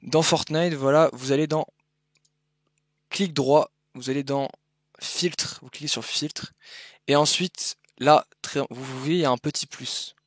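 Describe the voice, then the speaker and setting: A man's voice: on the high side, fairly even intonation, unhurried, no echo, clean studio sound. A young man walking viewers through streaming settings in a casual, rambling tutorial, often correcting himself mid-sentence. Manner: rambling, self-correcting, informal. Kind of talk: casual screen-recorded tutorial.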